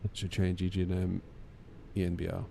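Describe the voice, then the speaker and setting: A man's voice: low-pitched, monotone, a little fast, creaky, dark tone, a little hiss or hum. A man streaming a flight simulator, muttering casually to himself and making radio readbacks.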